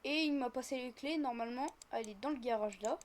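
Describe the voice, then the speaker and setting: Her mid-range voice moves at a quick pace as she casually improvises a gaming roleplay, narrating her own actions in real time. She hosts gaming roleplay videos and keeps things chatty. A little hiss or hum runs under the recording.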